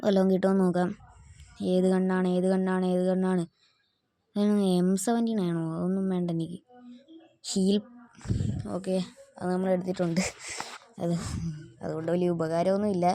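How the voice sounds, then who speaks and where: A woman's voice: lowish voice, level tone, moderate pace, long pauses, warm tone. A woman hosting a gaming channel, giving casual gameplay commentary and chatting to viewers as she plays. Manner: chatty, keeps addressing viewers as guys.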